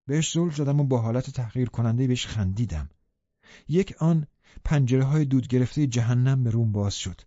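A man narrating an audiobook in a steady, even storytelling manner. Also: mid-range voice, dry recording, highs cut off. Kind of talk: scripted narration.

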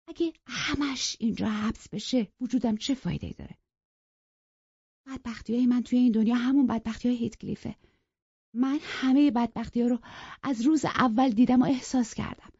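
A woman's voice: high voice, warm tone, husky, no echo, pitched above the performer's own voice. A woman voicing a passionate, headstrong young woman in love, talking in an impassioned, pleading and defiant way. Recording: dry, dull lo-fi recording.

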